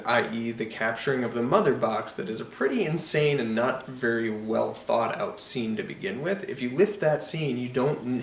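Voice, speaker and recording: Rambling man in an echoey room. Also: medium pitch. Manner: rambling with many fillers and restarts. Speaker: film reviewer. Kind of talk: casual opinionated film review. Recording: echoey room, mic at a distance, faint noise.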